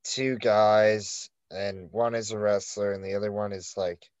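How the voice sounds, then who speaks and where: A man's voice: on the low side, little pitch movement, unhurried, darkish tone, smooth, no room sound. A man co-hosting a casual podcast, rambling through a story with constant "like" fillers and plenty of swearing. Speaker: podcast co-host.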